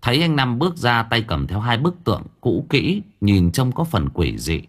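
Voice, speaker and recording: A man narrating an audiobook story, with lively storytelling rises and falls. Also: mid-range voice, moderate pace. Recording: narration over faint background music.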